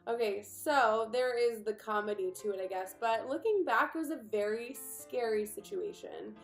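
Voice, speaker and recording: A woman's voice: fairly high pitch, moderate pace, faint music behind. Chatty woman vlogger in an echoey room. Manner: chatty and animated, with frequent fillers and asides. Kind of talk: casual storytelling to camera.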